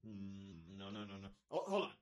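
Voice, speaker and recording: A woman speaking scripted game dialogue in a rambling, exasperated way that swings to shouting. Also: extremely low pitch, very animated, normal speed.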